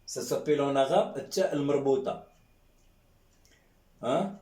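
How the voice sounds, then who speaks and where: A man leads a classroom lesson in a very slow, deliberate way. He drills syllables over and over and keeps checking that his students follow. His voice sounds distant from the mic in a reverberant room. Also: mid-range voice, mellow. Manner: patient, repeats sounds, keeps checking with "hein?". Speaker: Arabic teacher. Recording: roomy echo, distant mic.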